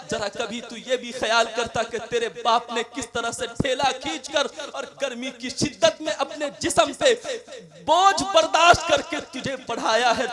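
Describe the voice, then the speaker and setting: Fervent high-voiced male preacher. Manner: fervent, exhorting, swings between shouting and hushed storytelling. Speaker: Islamic preacher. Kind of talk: impassioned Urdu-Hindi sermon. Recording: crowd heard behind the voice. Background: crowd noise.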